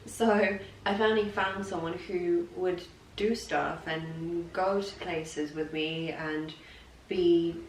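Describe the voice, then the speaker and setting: A young Polish woman chats fluently and openly in a casual vlog, her voice fairly low and steady at a slow pace. The recording sounds echoey, with the mic set far off and faint noise.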